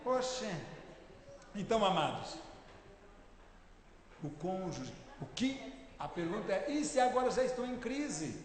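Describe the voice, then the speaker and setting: A man in his sixties, a pastor, preaching a sermon in an emphatic, forceful tone in a church hall. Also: high-pitched, very animated, a little slow, long pauses. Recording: echoey church hall, long reverb.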